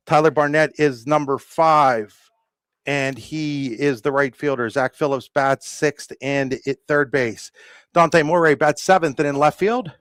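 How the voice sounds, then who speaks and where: A man doing live play-by-play of a high school baseball game, a little out of breath, with a conversational manner and apologetic asides. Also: a bit bright, no echo. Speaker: play-by-play announcer.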